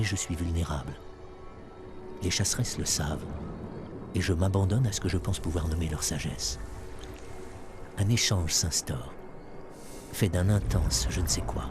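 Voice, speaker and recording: A man reading scripted nature documentary narration in the first person, with solemn, reverent, poetic phrasing. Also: low voice. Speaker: diver and wildlife filmmaker narrating his encounters. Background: music.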